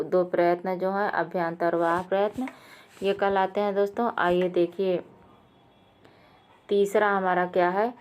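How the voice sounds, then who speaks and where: A woman teaching Sanskrit exam questions, going through each answer, often calling out to her viewers and correcting herself with a quick apology. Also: fairly low pitch, clear, resonant tone. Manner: addresses viewers as friends, with fillers and self-corrections. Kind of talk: quiz lesson explaining answers.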